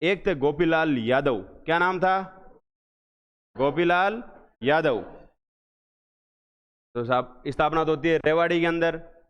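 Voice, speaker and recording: A man teaching an exam revision class, asking questions again and again and answering them slowly and with emphasis. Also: on the high side, clean tone. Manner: drills students with repeated questions, slow emphatic answers. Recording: echoey hall, dull lo-fi sound.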